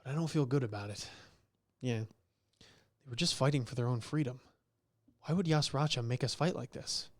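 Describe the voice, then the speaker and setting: A man reading aloud as a gentle, troubled young male fighter, speaking quietly and downcast. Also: mid-range voice, moderate pace, long pauses, natural voice.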